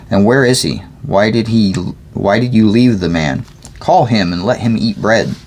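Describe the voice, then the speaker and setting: A man's voice: on the low side, darkish tone. A sleepy man reading scripture aloud, stumbling over names and adding joking asides. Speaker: Bible reader.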